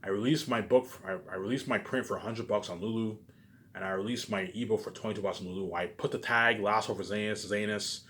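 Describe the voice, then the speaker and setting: With a fairly low, fairly bright voice and a steady tone, a Canadian man vlogs a rambling, informal monologue to his viewers. He's repetitive and halting, tacking on habitual trailing tags, and his emphatic profane bursts sink into muttered asides.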